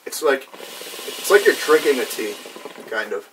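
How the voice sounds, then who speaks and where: A young man in a casual review chat, halting and searching for words as he goes. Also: medium pitch, lively intonation. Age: young adult. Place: small cluttered indoor room with brick wall. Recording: distant mic, background noise.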